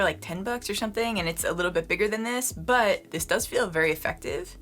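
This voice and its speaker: A young woman giving a casual beauty product review. She is slightly hoarse and talks to her viewers in a chatty way, often using "like" as a filler. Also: medium pitch, fairly bright tone. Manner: chatty, addresses viewers as "you guys", frequent "like" fillers. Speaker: beauty vlogger.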